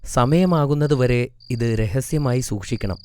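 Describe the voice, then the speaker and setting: A man voicing a gentle young prophet who rules in a cartoon story, speaking earnestly. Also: mid-range voice, unhurried, smooth, lightly acted.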